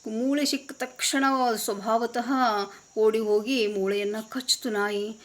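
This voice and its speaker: A woman's voice: on the high side, steady tone, a little slow. A woman telling moral stories in an earnest, emphatic way. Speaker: moral storyteller. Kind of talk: moralizing storytelling talk.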